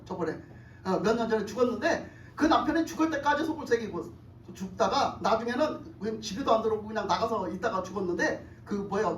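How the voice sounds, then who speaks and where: Brief: woman pastor, animated story-sermon, mid pitch; roomy hall, far mic. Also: slight background noise. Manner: colloquial, animated storytelling with laughs and acted quotes. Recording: roomy church hall, distant mic, faint ambience.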